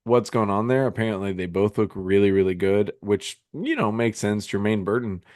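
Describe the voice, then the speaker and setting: A man's voice: fairly low pitch, animated, normal speed, a little mellow, dry recording, clean studio sound. A man co-hosting a casual fantasy football podcast over a remote call, rambling with lots of fillers and restarts while he keeps hiccuping. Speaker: podcast co-host.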